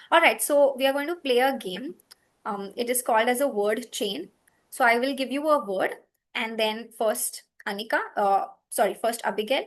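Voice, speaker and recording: A woman's voice: on the high side, a bit bright. A woman hosting a live event in a casual, encouraging way. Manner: encouraging, addresses listeners as dear and y'all. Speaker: host of a children's reading contest.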